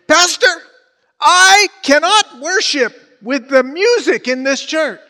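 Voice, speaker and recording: A man voicing an indignant older church lady with an Indian accent, scolding in a shrill voice. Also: animated, takes it slowly, bright, forceful tone, big-room sound, heavily acted.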